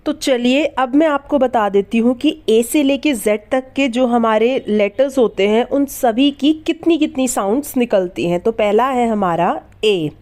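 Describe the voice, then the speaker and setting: Slow, patient woman teaching phonics. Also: a little high, darkish tone. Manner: slow and deliberate, spelling words out, asking and answering her own questions. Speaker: English teacher. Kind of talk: phonics lesson.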